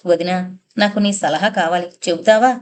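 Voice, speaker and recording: A woman's voice: on the low side, steady tone, normal speed, a little mellow, close to an everyday voice. A woman narrator voicing an earnest, innocent young girl who asks questions in a pleading way in an audiobook. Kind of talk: audiobook character reading.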